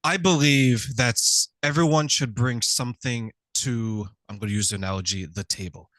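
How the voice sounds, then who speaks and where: A man from Quebec, Canada, is interviewed on a conversational podcast as a relationship coach, explaining his ideas reflectively and at a measured pace. His voice is medium-pitched and a bit bright, with no echo.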